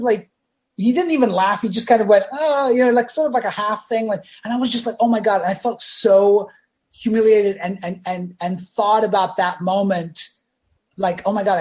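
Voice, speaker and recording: A man telling a story as a podcast guest, acting out the voices of the people in it with lots of "like" fillers. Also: high-pitched. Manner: animated, acts out quoted voices, many "like" fillers. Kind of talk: casual storytelling chat.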